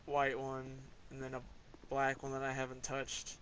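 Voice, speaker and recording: A man's voice: mid-range voice, completely flat delivery, moderate pace, fairly bright tone, a little hiss or hum, rough recording. A man casually talking through his game car collection in a rambling, offhand way, with small hesitations. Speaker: gamer showing his garage. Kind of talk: casual gameplay commentary.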